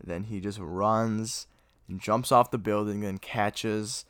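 A young man hosting a podcast, reviewing a movie in casual chat, excitable and gushing, with lots of filler words. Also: fairly low pitch, takes it slowly, clear, resonant tone, no echo, studio quality. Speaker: podcast host.

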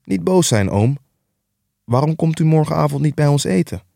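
A man's voice: a little high, expressive, normal speed, vocal fry, warm tone, no room sound, pitched above the performer's own voice. A man voicing a relentlessly cheerful young nephew in an audiobook reading, earnest, upbeat and pleading. The recording is dry and close.

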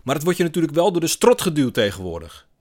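Indignant bar-room ranter, middle-aged man, pitched high and loud, a man putting him on. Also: animated, brisk. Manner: indignant, shouting, bellowing.

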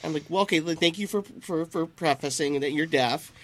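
A male radio host talks into a studio microphone, loose and conversational. His voice sits a little high for a man, and he stumbles and restarts his sentences as he goes. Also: a little fast. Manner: rambling, many restarts and fillers. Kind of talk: casual radio interview chat.

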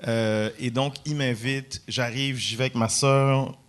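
A man from Quebec, a guest comedian telling animated stories and acting out quotes in high voices. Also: measured pace. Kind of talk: casual storytelling.

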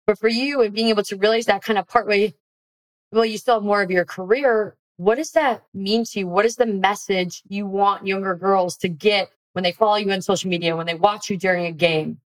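Young woman, podcast host, former athlete, upbeat, encouraging, mid-pitched voice. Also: fairly even intonation, brisk, rough recording. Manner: upbeat, encouraging, reads ad lines. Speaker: podcast host, former college softball player. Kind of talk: casual interview chat.

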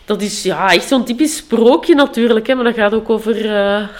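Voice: medium pitch, moderate pace. An author who reads a fairy tale aloud with varied voices, then chats about it with many hesitations. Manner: lively, hesitant with fillers in talk. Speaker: author and storyteller. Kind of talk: fairy tale reading, then interview talk.

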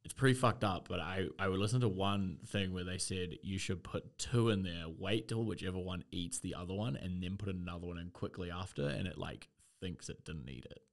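A man's voice: sits low, brisk, creaky, few pauses. A man chatting loosely as a podcast co-host, rambling with lots of fillers and swearing. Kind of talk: casual chat.

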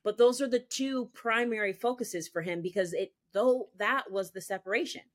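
A woman's voice: medium pitch, moderate pace. A woman speaking as a guest on a faith podcast, sharing her personal testimony in an earnest, emphatic way that circles back on itself as she speaks. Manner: earnest, emphatic, repeats "I'm telling you".

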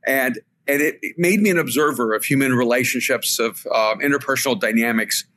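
A man's voice: medium pitch, fairly quick, a bit bright. Spanish-native man telling his story. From El Salvador. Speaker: podcast guest. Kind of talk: reflective storytelling. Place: remote call from home.

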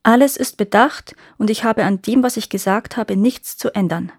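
Woman playing a calm, resolute young girl. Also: medium pitch, moderate pace, slightly rough, dry recording, clean studio sound. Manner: firm and steady.

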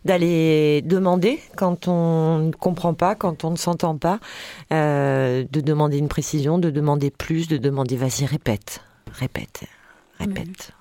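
A radio host talking live in a studio, halting often with fillers and restarts. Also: medium pitch, steady tone, mellow, no echo. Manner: hesitant, many fillers and restarts.

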